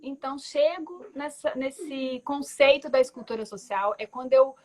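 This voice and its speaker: Her voice sits high and a little mellow, at a moderate pace. A forties-aged guest artist from Belo Horizonte, Brazil, with a Minas Gerais Portuguese accent, she reflects on her story over a video call, often restarting and leaning on tag words.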